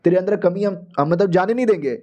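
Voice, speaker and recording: A man voicing rude, cowardly male gate guards who talk in a rough, crude, whiny way. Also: high voice, fast, warm tone, lo-fi sound, lightly acted.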